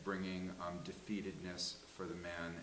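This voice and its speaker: A participant at a live table read gives earnest, effusive feedback in a casual discussion after the show, restarting his sentences as he goes. His deep voice is a bit bright, with a completely flat delivery at normal speed. The room's echo and faint hiss come through.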